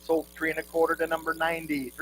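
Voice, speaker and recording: Higher-voiced male auctioneer chanting bids, noisy recording. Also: monotone, fast talker. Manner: repetitive rolling number patter, folksy asides to the crowd. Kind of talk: rhythmic auctioneer chant with repeated bid calls at a live quilt auction.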